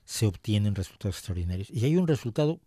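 A man's voice: on the low side, sing-song, fast talker, warm tone, husky, no room sound, clean studio sound. A man hosting a radio music show, explaining with chatty enthusiasm.

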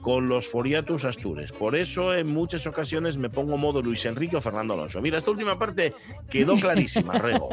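A man hosting a radio show, chatting in a relaxed way and pausing on fillers as he reads listener messages. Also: a little high. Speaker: radio host. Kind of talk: casual radio chat. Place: radio studio.

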